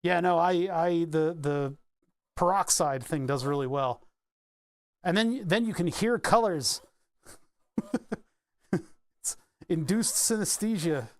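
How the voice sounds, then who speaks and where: A man with a slightly high voice talks slowly and pauses often, with no room sound, while building electronics on a live stream. He rambles casually, answers chat, and laughs a lot.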